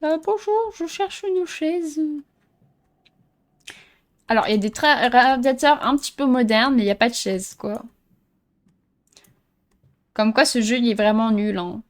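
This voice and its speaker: Her voice sits a little high, with fairly even intonation, normal speed, and long pauses. She's a gameplay streamer doing let's-play commentary on a horror game, self-mocking and joking, and now and then stumbling over on-screen text she reads out.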